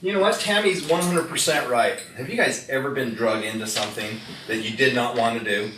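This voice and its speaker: A man's voice: medium pitch, brisk. Middle-aged male presenter, jokey storyteller, live demo, distant roomy mic with faint noise. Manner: storytelling, jokey, asks the audience questions. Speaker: product presenter. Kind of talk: live product demonstration to an audience. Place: room with a live audience.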